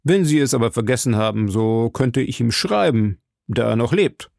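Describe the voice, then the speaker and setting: Man doing a cold sneering lord, dark gravelly voice, slow and smug. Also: mid-range voice, lively intonation, dry recording, studio quality. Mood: scornful. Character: coldly mocking aristocratic lord, middle-aged.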